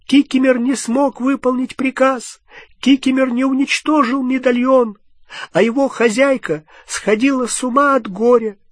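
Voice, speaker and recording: A squeaky, high, wailing old house-elf, servile and heartbroken, stammering through his sobs. The voice is husky and loud, and it sits close to the mic in a dry space. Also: no echo. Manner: sobbing, stammering, speaks of himself in third person.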